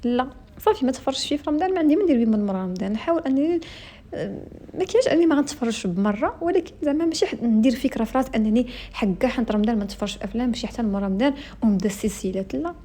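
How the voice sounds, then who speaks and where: A woman with a Moroccan accent chats casually to her viewers and advises them directly. She talks extremely fast in a mellow, husky voice that sits a little high. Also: animated. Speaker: vlogger. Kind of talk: casual chat.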